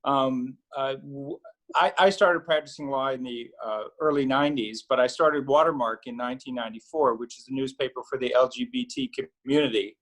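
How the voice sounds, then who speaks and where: A middle-aged man, an attorney, telling a story on a video call panel in a relaxed way with many fillers and restarts. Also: mid-range voice, a little fast, poor audio. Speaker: attorney and newspaper founder.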